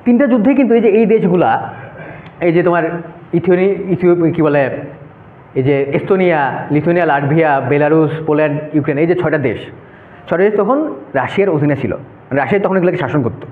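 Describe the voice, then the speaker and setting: Fast, animated man lecturing in an echoey room. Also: on the high side. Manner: fast, animated, talks students through a map with frequent "okay?" checks. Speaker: debate workshop instructor. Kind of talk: informal classroom lecture. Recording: echoey room, phone-like narrow sound.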